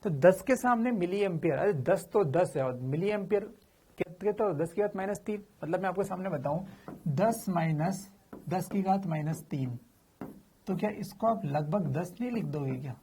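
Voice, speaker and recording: A man's voice: high-pitched, expressive, normal speed, mellow, breathy edge. A man teaching physics in a chatty, informal lecture, asking questions and answering them himself. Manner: addresses students familiarly, slips in slang.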